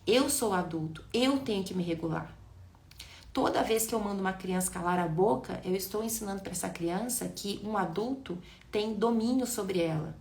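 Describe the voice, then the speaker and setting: A woman explains things with animation and keeps talking straight to her audience. Her voice sits at a middle pitch. The room gives it a noticeable echo. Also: creaky. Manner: animated, addresses viewers directly. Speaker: neuroscience educator. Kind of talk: live-stream talk.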